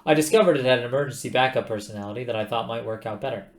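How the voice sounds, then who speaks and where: A man voicing a brash, impatient male space captain with a loud, offhand manner. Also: mid-range voice, very fast, lightly acted. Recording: roomy echo.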